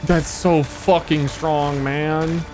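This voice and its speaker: A man's voice: a little high, fairly even intonation, extremely slow, over music. A man streaming a video game, giving casual, joking commentary with frequent profanity.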